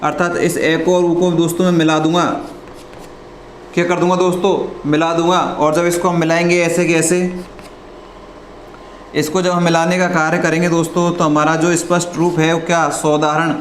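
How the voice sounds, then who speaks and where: A man teaching a live online grammar lesson, asking questions and answering them himself, calling his students "friends" and clearing his throat often. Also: fairly high pitch, level tone, moderate pace. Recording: echoey room with faint noise.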